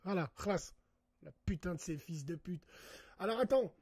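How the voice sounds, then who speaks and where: Male streamer with a high, husky voice, recorded dry. He addresses viewers directly, swears and rants heatedly. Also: expressive, moderate pace, a little mellow, dry recording. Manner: talks straight to viewers, swears, worked up. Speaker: live streamer. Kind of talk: casual livestream rant.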